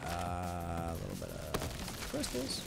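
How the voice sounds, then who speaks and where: A young man giving casual gameplay commentary, thinking out loud and correcting himself as he goes. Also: deep voice, wildly swooping pitch, slow, creaky. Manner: chatty, thinks aloud, self-correcting. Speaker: gaming YouTuber. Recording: music playing underneath.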